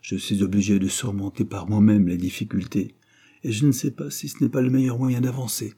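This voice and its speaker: An eager, honest schoolboy in a storybook, speaking a little higher than a low, husky base as a man reads him. The tone stays dark and mellow. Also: fairly even intonation, a little fast. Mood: earnest. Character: earnest, candid schoolboy. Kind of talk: audiobook character voice.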